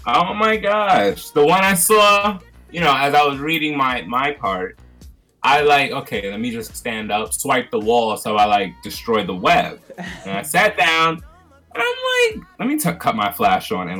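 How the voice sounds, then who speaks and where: A man on a radio show telling a story in a casual, expressive way. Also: mid-range voice, moderate pace, soft background music.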